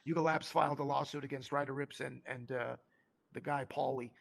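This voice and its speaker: A man, a company co-founder, telling a story in a casual interview, animated and full of fillers. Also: medium pitch, brisk, gravelly. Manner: animated, acts out quoted voices, lots of fillers.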